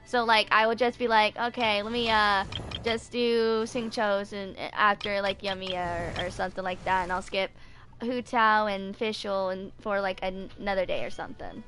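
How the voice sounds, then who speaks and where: Recording a fan video at home, a twenty-something woman creator casually reads aloud and chats at a moderate pace. She speaks at medium pitch with a steady, slightly bright tone, over soft background music and slight background noise.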